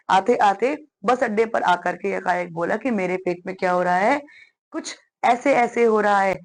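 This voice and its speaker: A woman teacher patiently explaining a one-act play to children and often addressing them directly. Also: medium pitch.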